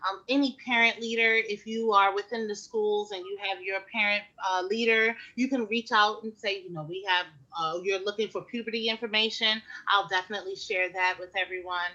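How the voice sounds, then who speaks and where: Frank, bright-voiced woman health educator. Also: mid-range voice, moderate pace, few pauses. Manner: animated, frank, with many fillers and rhetorical questions. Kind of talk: casual conversational advice. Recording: muffled lo-fi recording.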